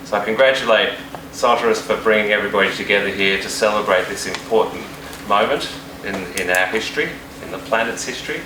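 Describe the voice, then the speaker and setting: A man, a university dean, giving an earnest, measured speech at a launch event in a hall. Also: lowish voice. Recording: distant and echoey with room hum.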